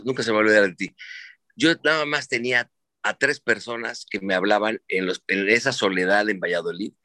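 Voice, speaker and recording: Profane storytelling Mexican man, bright voice. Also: mid-range voice, no room sound. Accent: Mexican Spanish. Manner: animated, profane, acts out quoted voices. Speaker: sports show host. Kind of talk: casual storytelling chat.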